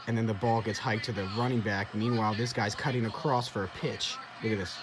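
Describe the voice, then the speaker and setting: Give me a young man with a lowish voice, talking excitedly as he breaks down sports footage. He keeps repeating himself for emphasis and slips into acted-out dialogue, with a faint hiss behind him. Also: a little fast. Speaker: channel host. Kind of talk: casual commentary over game footage.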